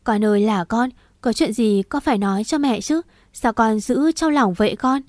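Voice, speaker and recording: Brief: woman voicing a homely older mother, mellow, close and dry. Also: a little high, moderate pace, no room sound, natural voice. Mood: distressed. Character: warm worried older mother.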